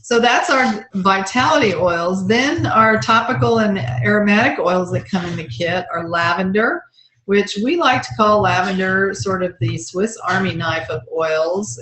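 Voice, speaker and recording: A woman's voice: mid-range voice, a bit bright. A woman presenting essential oil products in a casual, chatty walkthrough, with many ums and uhs. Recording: roomy echo.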